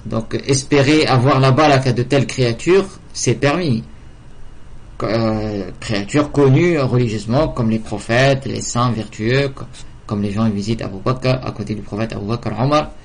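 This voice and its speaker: A man with a medium-pitched voice at normal speed teaches a language and religion class. The lesson is slow, and he patiently repeats words to drill their pronunciation.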